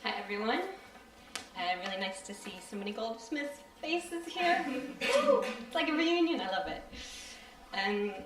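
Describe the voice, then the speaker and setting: A woman reading aloud from her own novel at a live event, chatty in her introduction and steady in the reading. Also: on the high side, a little slow, pauses often. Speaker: creative writing student reading her novel. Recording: roomy hall from far off.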